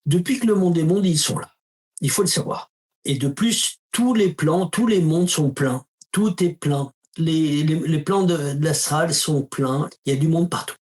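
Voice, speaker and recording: A spiritual teacher with a fairly high voice talks casually and unhurriedly in an interview, telling stories and acting out quoted dialogue with lively, emphatic asides. He stays informal and direct, addressing the listener with the familiar tu.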